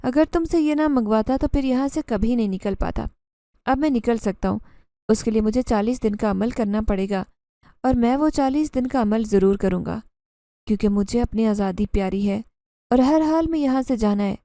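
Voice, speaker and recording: A woman's voice: on the high side, dark tone, dry recording, studio quality, natural voice. Woman voicing grumpy sleepy jinn man. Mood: explaining. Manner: irritated, gruff speech. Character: grumpy sleepy male jinn, proud and demanding.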